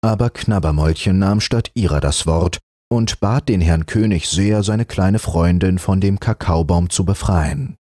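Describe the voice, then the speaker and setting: A man narrating a fairy tale as an audiobook, in a warm, expressive storytelling manner. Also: low voice, unhurried, hardly any pauses, no room sound, clean studio sound.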